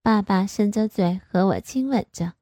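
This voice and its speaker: A woman narrating a first-person audio story in a slow, soft, even reading. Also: mid-range voice, no echo.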